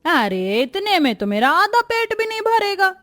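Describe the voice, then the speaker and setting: A woman voicing a greedy, bossy old grandmother-in-law in an animated story, scolding and giving orders. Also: extremely high pitch, a little slow, soft background music, pitched above the performer's own voice, heavily acted. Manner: commanding, scolding.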